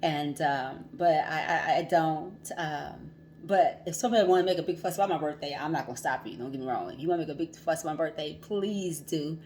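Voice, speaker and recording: A woman's voice: sits low, a little fast, darkish tone, a little hiss or hum. A woman hosting a casual livestream as a financial coach, chatty, laughing often and repeating herself.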